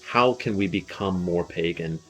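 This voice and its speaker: A young American man hosts his own channel, offering heartfelt spiritual advice in an earnest, casual way full of ums and uhs. He speaks in a low voice at a moderate pace.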